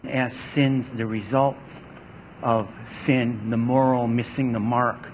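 A man from the audience asking a question, halting and searching for words. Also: medium pitch, fairly even intonation, slight background noise. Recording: distant echoing hall mic.

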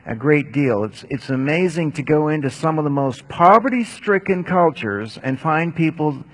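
Guy teaching bible stuff, calm and explaining, taking questions. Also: fairly high pitch. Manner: measured, explanatory. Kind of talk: lecture answering questions.

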